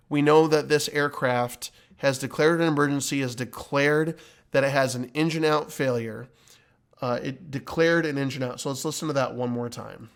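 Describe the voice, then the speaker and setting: This man, a flight instructor and host, delivers explanatory commentary in an instructor's style, stressing and repeating key ideas. His medium-pitched voice has a creaky quality.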